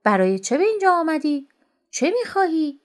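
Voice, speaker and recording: A woman voicing a stingy, bad-tempered rich master who shouts harshly at everyone. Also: high-pitched, very animated, pitched above the performer's own voice. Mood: angry.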